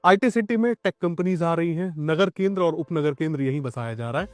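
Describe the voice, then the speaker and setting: A man hosting an outdoor property tour, explaining things clearly and addressing viewers as friends. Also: on the high side, fairly quick, a little mellow. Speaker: property video host. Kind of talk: on-site property tour interview. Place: outdoors at a plot site.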